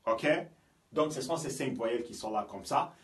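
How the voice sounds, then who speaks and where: A man from Guinea, an English teacher, giving a language lesson and often checking "ok?" with his listeners. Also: medium pitch. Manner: explains slowly, often checks with "ok?" and "you understand me?". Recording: echoey room, voice from a distance.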